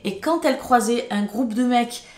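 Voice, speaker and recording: A woman's voice: a little high, normal speed. A woman from France telling a storytime vlog in an emotional, indignant way, swearing when she gets angry. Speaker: YouTuber. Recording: roomy echo.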